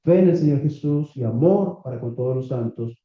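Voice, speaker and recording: A man preaching a sermon to a congregation, reading scripture slowly and asking the listeners questions. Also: medium pitch, lively intonation. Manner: slow, deliberate preaching with rhetorical questions to the congregation. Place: small church meeting room. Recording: echoey, slightly dull church recording.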